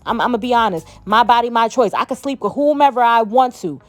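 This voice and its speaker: A woman's voice: a little high, brisk, no echo, faint music behind. A woman vlogger in a heated, profane commentary rant, talking emphatically.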